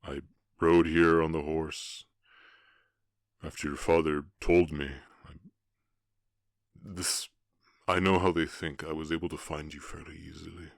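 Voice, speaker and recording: In an ASMR roleplay, a man plays a gruff yet tender half-orc cowboy who is ashamed and protective, speaking haltingly with feeling and often sinking to a murmur; the mood is shaken and relieved. His bass voice moves little in pitch, and the performance is heavily acted. The studio-quality recording has no room sound.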